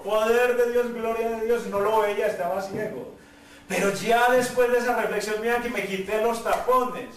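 A middle-aged Colombian man with a Paisa accent giving an emphatic spoken testimony, acting out dialogues in quoted voices. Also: high-pitched. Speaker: speaker giving a conversion testimony. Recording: echoey, from far off the mic.

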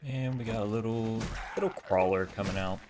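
A man's voice: lowish voice, fairly quick, noisy background. A man giving casual, chatty commentary while playing a survival game, joking at himself as he loots. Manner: chatty, self-mocking, talks to himself while looting.

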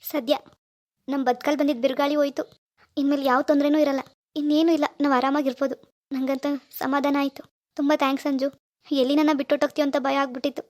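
Cartoon husband, apologetic and pleading, voiced by a woman, high-pitched. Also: little pitch movement, fast talker, darkish tone, lightly acted. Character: remorseful husband pleading with his wife. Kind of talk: cartoon voice acting.

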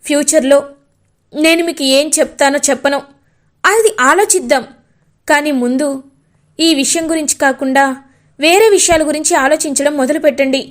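A woman's voice: high-pitched, normal speed, long pauses, lightly acted. A woman voicing a young woman who is flustered yet firm as she turns aside a suitor.

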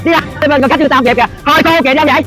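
High-pitched, rapid-fire scolding man. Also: steady tone, faint music behind. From Mekong Delta, Vietnam. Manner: loud scolding, repetitive exclamations. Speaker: comedy sketch lead, boss. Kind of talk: comic sketch acting.

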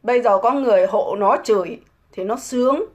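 A woman's voice: fairly high pitch, brisk. A middle-aged woman ranting scornfully on a casual livestream, full of mocking rhetorical questions. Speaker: livestream host.

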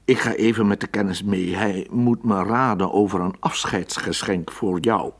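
A man voicing a sentimental male church rat in a storybook reading, speaking in a gushing, warm-hearted way. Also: lowish voice, normal speed, gravelly. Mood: brisk.

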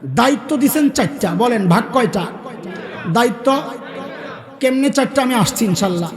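A man's voice: very high-pitched, lively intonation, moderate pace. A man with a Bangladeshi Bengali accent preaching a sermon, emphatically quizzing the crowd with call-and-response questions. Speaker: Islamic preacher. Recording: echoey hall with long reverb.

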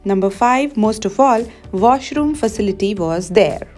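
Woman, thirties, food vlogger, chatty, upbeat, higher voice, soft music underneath. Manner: chatty and upbeat, mixing in English phrases. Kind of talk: casual vlog narration.

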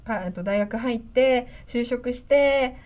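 A woman's voice: a little high, a little slow, highs cut off. A woman hosting a casual chat, reviewing comics in detail and acting out bits of dialogue. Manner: chatty, acts out scenes with quoted voices.

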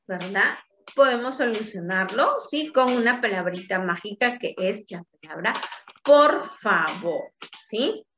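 A woman teaching young children in a slow, patient lesson. She coaxes them along, checking in after nearly every phrase. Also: mid-range voice, a bit bright. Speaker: preschool teacher. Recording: dull lo-fi recording with faint music.

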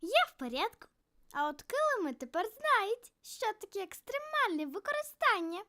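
Very high, bright, cheeky little girl for a storybook, shrieky. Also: normal speed, heavily acted. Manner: shrieky, squealing, excitable. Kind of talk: storybook voice acting.

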